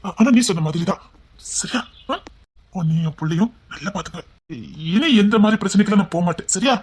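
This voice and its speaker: An actor playing an emotional young husband in a TV drama, talking earnestly and seeking reassurance. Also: male voice, high-pitched, quick pace, husky. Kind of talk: TV serial acting.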